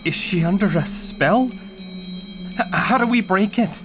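A woman's voice: mid-range voice, measured pace, music in the background, lightly acted. A woman voicing a brave young prince in an audio drama, earnest and heroic.

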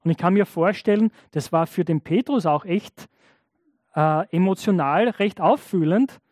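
A man's voice: high-pitched, a little slow, darkish tone, no echo. Guy preaching a sermon, chatty, keeps asking the crowd "right?", dry close sound. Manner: conversational, often asks the congregation "oder?"; acts out biblical and imagined speakers in changed voices.

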